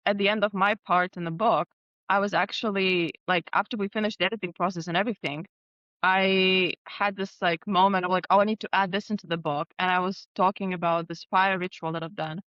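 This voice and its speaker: A Lithuanian woman, a guest and co-author on a podcast, chats casually and warmly, laughing often and leaning on fillers like "like." Her voice is mid-range, and the recording is dry and lo-fi.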